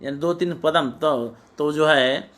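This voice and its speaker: A middle-aged man lectures on classical poetics in a voice pitched a little high for a man. He quotes a line, then unpacks it piece by piece, stumbling and restarting words as he goes. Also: slow pace, fairly bright tone. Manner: explanatory, repeats and restarts words, quotes verses then glosses them. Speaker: teacher.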